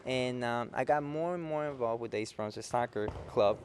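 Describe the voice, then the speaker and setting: A man's voice: mid-range voice, moderate pace, darkish tone, slight background noise. Man from Peru coaching, saying "okay?". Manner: explains simply, keeps adding "okay?" to check in. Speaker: youth futsal coach. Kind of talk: local cable TV interview. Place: indoor futsal facility.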